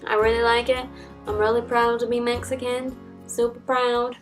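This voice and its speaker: This chatty young American vlogger, whose voice sits on the higher side, tells personal stories at an ordinary speed and brings quoted exchanges to life with animated delivery. She is recorded from a distance over acoustic folk instrumental music.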